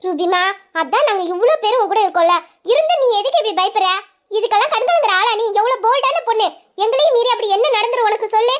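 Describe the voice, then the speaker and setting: A woman voicing a caring young woman who comforts a crying friend in an audio drama, speaking in a soothing, coaxing way. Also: very high-pitched.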